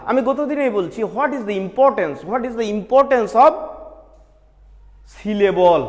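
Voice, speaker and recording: A man's voice: fairly high pitch, in a large hall. A Bangladeshi man teaching an English lesson, asking questions and answering them himself, spelling words out letter by letter. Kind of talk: recorded online lesson.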